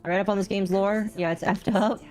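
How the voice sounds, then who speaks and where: A woman streamer chats casually and with amusement as she plays a game, her medium-pitched, steady, darkish voice moving fairly quickly. A robotic voice changer gives it a metallic sound, and faint music plays behind her running commentary.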